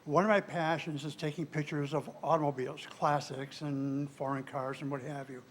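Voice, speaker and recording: A man's voice: a little high, steady tone, moderate pace, a little hiss or hum. A man speaking as an audience member at a live event, casually sharing a personal story.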